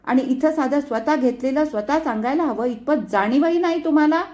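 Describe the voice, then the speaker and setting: A woman's voice: high-pitched, unhurried, a little mellow, dull audio, voice pushed up. A woman voicing a harried, angry middle-aged mother who scolds sharply and sarcastically in a told story. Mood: furious scolding.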